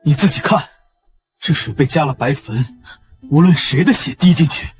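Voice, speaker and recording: An actor playing a firm, commanding nobleman in a costume drama, with a husky voice. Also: fairly high pitch, normal speed, darkish tone, faint music behind, lightly acted. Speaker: nobleman, second young master.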